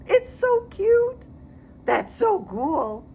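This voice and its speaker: A woman's voice: very high voice, big pitch swings, extremely slow, dark tone, a little hiss or hum, pitched above the performer's own voice, heavily acted. Woman squealing as a gushing trendy girl buyer. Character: gushing young trendy female home buyer.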